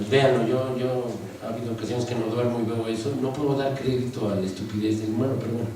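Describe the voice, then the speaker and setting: A man's voice: mid-range voice, darkish tone, slight background noise. A man with a Mexican accent giving a university linguistics lecture in a chatty teaching manner, checking in with the class often. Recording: echoey classroom, mic far off.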